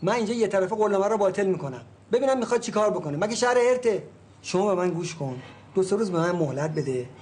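High-voiced, blustering middle-aged property agent, placating then menacing. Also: male voice, lively intonation, a little mellow. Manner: soothing, then blustering and threatening. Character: blustering middle-aged male real estate agent, father. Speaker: real estate agent.

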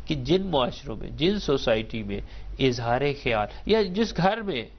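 Male scholar guest, steady lecturing delivery, builds his case with examples, somewhat muffled audio. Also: medium pitch. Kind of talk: explanatory talk on a studio show.

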